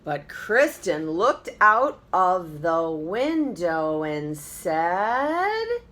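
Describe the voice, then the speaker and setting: Her voice on the low side, a woman teacher shares a picture book with children, reading with warmth and expression. She occasionally stops to speak to the children themselves, encouraging them along.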